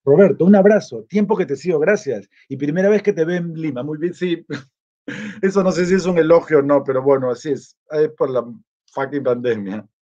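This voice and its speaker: A man's voice: fairly high pitch, fairly quick, mellow. A man, chatting casually on a livestream and reading viewer comments aloud, rambling as he reacts. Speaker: travel vlogger reading live chat. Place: indoors, in Lima. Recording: dull lo-fi sound.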